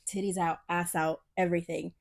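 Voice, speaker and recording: A young woman co-hosting a podcast, telling a story in casual chat, animated and profane, often laughing. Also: lowish voice, brisk, vocal fry. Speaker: podcast co-host.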